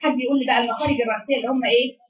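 Egyptian Arabic woman teacher, fast and high-voiced, quizzing pupils. Dull, roomy recording from across the classroom. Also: fairly even intonation, recorded from a distance. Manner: brisk, quizzing and coaxing pupils. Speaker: recitation teacher.

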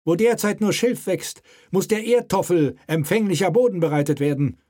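Man doing a sharp, imperious old king. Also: sits high, moderate pace, pitched above the performer's own voice. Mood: cutting. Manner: sharp, commanding, pompous.

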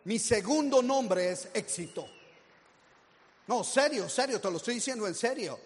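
Casting: energetic male motivational speaker, high voice, lively anecdotes, long echo of a hall. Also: normal speed. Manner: animated storytelling with acted-out quotes. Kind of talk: motivational talk.

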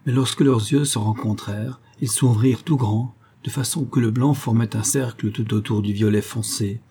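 A man with a husky voice narrating a gothic tale as an audiobook reading. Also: lowish voice, steady tone, normal speed, mellow, slight background noise.

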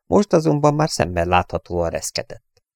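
A man reading an audiobook in a steady, measured storytelling manner. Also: sits low, creaky, dry recording, studio quality. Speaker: audiobook reader. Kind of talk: audiobook narration.

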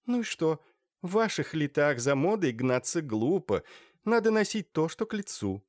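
A man's voice: fairly high pitch, very animated, normal speed, a little mellow, no room sound, studio quality, pitched above the performer's own voice. A man voicing a cool, mocking young woman speaking offhandedly to her mother. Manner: teasing, offhand.

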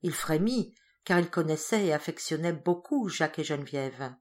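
Low-voiced woman reading a novel. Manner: measured, even storytelling. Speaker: audiobook reader. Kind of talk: scripted narration.

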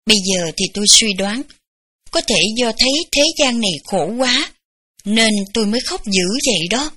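A woman reading a memoir aloud in gentle, unhurried storytelling. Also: fairly high pitch, expressive. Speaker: audiobook reader.

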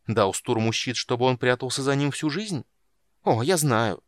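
A man's voice: fairly low pitch, brisk, no room sound, lightly acted. A man voicing a defiant young mage in an audiobook. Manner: raised, strained, defiant. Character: impassioned young male mage, defiant son.

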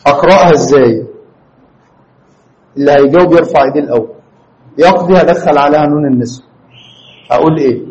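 A man's voice: a little high, fast, long pauses, darkish tone, muffled recording, slight background noise. Man teaching grammar in Egyptian Arabic. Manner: questioning, prompts students for answers. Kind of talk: classroom lesson.

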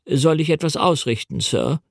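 A man's voice: fairly high pitch, normal speed, creaky, no echo, clean studio sound. A man reading the part of a polite butler answering the telephone. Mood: formal.

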